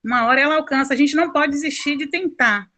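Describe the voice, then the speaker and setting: A woman's voice: high voice, quick pace, bright, forceful tone. A woman with a Brazilian Portuguese accent giving an online course presentation, explaining at length with many fillers and self-corrections. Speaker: lecturer.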